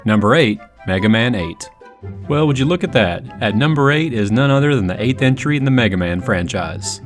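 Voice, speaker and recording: Male countdown host, mid-pitched, chatty and joking, music clearly behind the voice. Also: animated, a little fast. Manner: joking, conversational, sweary. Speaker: video list host. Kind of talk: casual comedic video game commentary.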